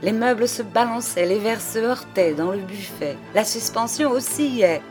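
A woman reading a classic short story aloud as an audiobook, with measured, deliberate narration. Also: mid-range voice, animated, music in the background. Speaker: audiobook reader.

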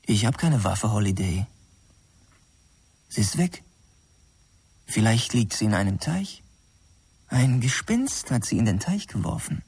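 In a radio play, a tormented man weighed down by guilt. His tone is tense and brooding, and he speaks slowly. He drops to a whisper when dread takes hold. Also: fairly low pitch, big pitch swings, a little mellow, breathy edge, full character voice. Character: haunted troubled man, fearful and guilt-ridden. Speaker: lead character. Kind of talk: radio drama acting.

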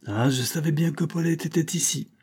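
A man voicing a brave young army lieutenant in an audiobook, forceful and accusing. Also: a little high, a little fast, breathy edge, voice pushed up. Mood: defiant. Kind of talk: audiobook character reading.

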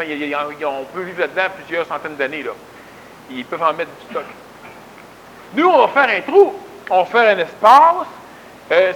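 Québécois man, high bright voice, folksy, emphatic, faint noise behind. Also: low-quality recording. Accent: Québécois French. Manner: folksy, emphatic, repeats words for stress. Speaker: spiritual lecturer. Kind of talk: conversational lecture.

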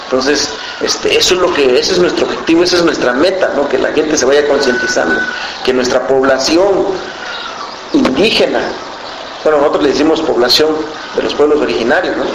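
A man from the mountains of Guerrero, Mexico, with a Mexican accent and Mixtec as his first language, answering interview questions for a community radio station in an earnest, unhurried way. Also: mid-range voice. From Guerrero mountain region, Mexico. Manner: earnest, unhurried, often checking with "¿no?". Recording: roomy with background noise.

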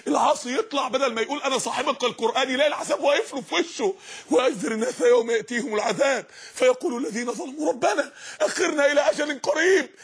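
A man with an Egyptian accent delivers an impassioned sermon in a very high, husky voice. He talks fast and paints scenes dramatically, bursting into shouts on key phrases and firing off rhetorical questions. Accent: Egyptian Arabic. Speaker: preacher.

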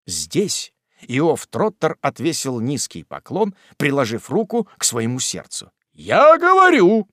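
A man narrating a classic novel in an expressive, theatrical reading. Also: mid-range voice, measured pace, no echo, studio quality. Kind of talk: scripted audiobook narration.

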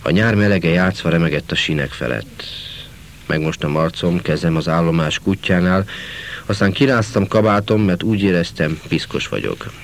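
A man narrating a literary novel in a measured, earnest reading. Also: sits low, a little hiss or hum. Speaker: audiobook narrator.

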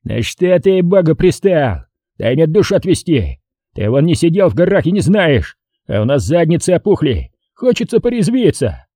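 A man's voice: fairly high pitch, big pitch swings, normal speed, warm tone, no room sound, clean studio sound, pitched above the performer's own voice. A man voicing a drunk, brawling lieutenant colonel who blusters and picks fights, in an audiobook reading. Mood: belligerent.

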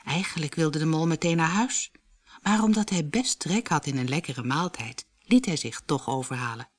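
A woman reading a children's story aloud as an expressive storyteller, sometimes dropping to a hush. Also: sits low. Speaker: audiobook narrator.

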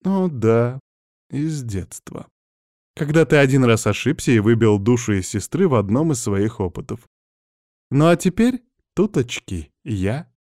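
A man's voice: medium pitch, expressive, measured pace, a little mellow, no echo, studio quality, close to an everyday voice. Man doing a sly taunting demon girl. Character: demon in a young woman's body, teasing and mocking.

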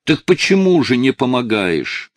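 A man voicing a desperate, tearful eighteen-year-old male addict who shouts and pleads with his father, in a dry, close recording. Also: mid-range voice, sing-song, unhurried, no echo, pitched above the performer's own voice. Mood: agitated.

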